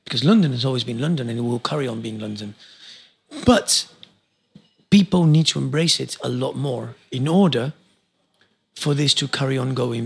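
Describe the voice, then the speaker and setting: Gravelly-voiced Argentine man urging people on. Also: on the high side, fairly bright tone. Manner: passionate, exhortative, many repeated words. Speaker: guest. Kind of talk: casual interview chat.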